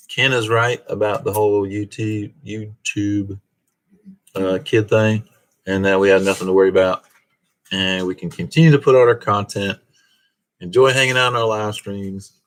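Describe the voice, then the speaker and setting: A man hosting a casual live stream, reading viewer comments aloud and chuckling in a laid-back way. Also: on the low side. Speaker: host of a car channel live stream.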